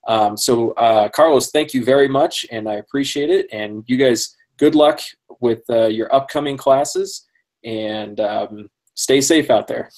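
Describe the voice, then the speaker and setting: A man's voice: medium pitch, measured pace, a little mellow. A man hosting a casual interview, friendly and talkative, often laughing and using many fillers. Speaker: podcast host.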